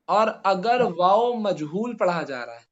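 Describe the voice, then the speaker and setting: A man's voice: high-pitched, very animated, lo-fi sound. Man teaching, quizzing his class. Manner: spells out letters slowly, quizzes students. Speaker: Urdu grammar teacher. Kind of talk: classroom lesson.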